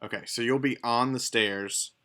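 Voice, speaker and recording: A man's voice: mid-range voice, fairly even intonation, moderate pace, pushed and bright. A man narrating as game master of an online tabletop game, describing scenes unhurriedly with fillers.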